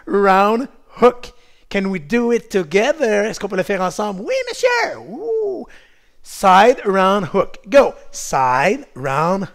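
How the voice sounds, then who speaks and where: Male karate instructor, animated and bouncy, calls moves with gusto. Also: sits high, gravelly. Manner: energetic, shouts commands and makes whoosh sounds. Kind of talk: kids' martial arts class.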